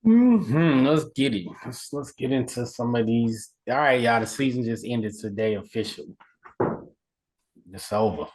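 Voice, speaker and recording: A man co-hosting a sports podcast in a relaxed style, often laughing and repeating words as he talks. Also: medium pitch, unhurried. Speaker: podcast co-host. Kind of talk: casual sports chat.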